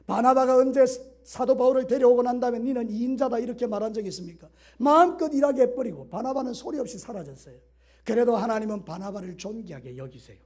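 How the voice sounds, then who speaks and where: Male pastor, husky, mellow, emphatic sermon. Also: very high voice, fast talker. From Korea. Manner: emphatic preaching, swings from loud exhortation to soft asides.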